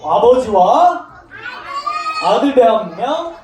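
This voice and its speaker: A woman's voice: a little high, very slow, some chatter behind. A woman giving a children's sermon in church, asking the children questions and acting out the story playfully. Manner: animated, asks children questions, acts out lines playfully. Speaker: children's Sunday school teacher. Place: church classroom. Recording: distant mic in an echoey room.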